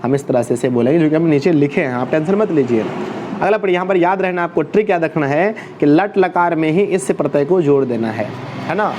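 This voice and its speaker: A man's voice: a little high, expressive, a little fast, highs cut off, noisy background. A male Sanskrit teacher giving an online class lecture, reciting verb forms in rhythmic lists, quizzing his viewers and correcting his own slips as he goes.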